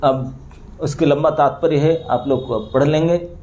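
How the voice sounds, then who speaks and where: A man's voice: fairly high pitch, measured pace, muffled recording. A man giving a storytelling sermon in a temple hall, acting out the characters as he explains scripture to a seated audience. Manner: animated, acts out the characters' crying and pleading with laughter. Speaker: preacher.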